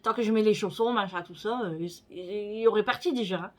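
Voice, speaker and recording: A woman's voice: mid-range voice, brisk. A woman in her forties, chatting casually on her vlog, rambling with many fillers and a slightly stuffy nose. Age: 40s. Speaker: vlogger. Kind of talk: casual chat.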